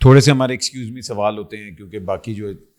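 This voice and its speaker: Low-voiced Pakistani man hosting. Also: a little fast, a little mellow. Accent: Pakistani Urdu. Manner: friendly, teasing, mixes in English. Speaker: podcast host. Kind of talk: casual interview chat.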